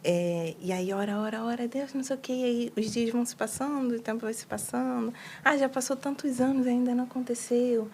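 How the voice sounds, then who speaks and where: A woman talking casually about faith, animated and slangy, acting out little quoted prayers. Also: a little high, brisk, hardly any pauses, slight background noise. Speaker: guest on a faith livestream.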